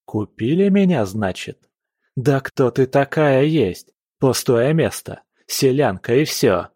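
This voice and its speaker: An arrogant nobleman, played by a male reader, blusters and barks insults. His voice sits at a middle pitch. The recording is dry and close. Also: animated, slow pace, no echo. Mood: blustering. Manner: shouting, rude, blustering.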